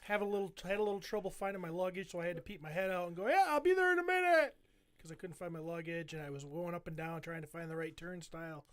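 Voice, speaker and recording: Rambling, cursing podcast host, high voice. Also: male voice, flat delivery, fast, hardly any pauses. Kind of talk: casual chat, telling a trip story over photos.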